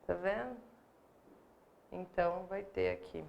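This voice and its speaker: Brazilian woman, grammar teacher, explains step by step and checks in often, slight gravel in the voice. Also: fairly low pitch, slow, lo-fi sound. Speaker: Portuguese teacher for exam prep. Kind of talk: live online grammar lesson.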